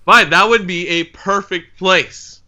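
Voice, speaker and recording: A man's voice: sits high, steady tone, slow, bright, forceful tone. A man co-hosting a podcast in casual chat, with a metallic tin-can sound from a bad microphone. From Canada. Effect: metallic tin-can sound from a faulty microphone. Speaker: podcast co-host. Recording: dull, tinny lo-fi microphone.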